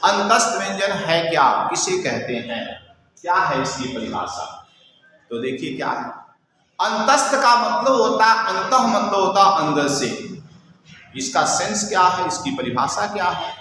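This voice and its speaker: A man's voice: high-pitched, animated, a little slow, pushed and bright, slight background noise. A male teacher giving a step-by-step classroom lecture, asking and answering his own questions and repeating key terms. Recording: echoey room with long reverb.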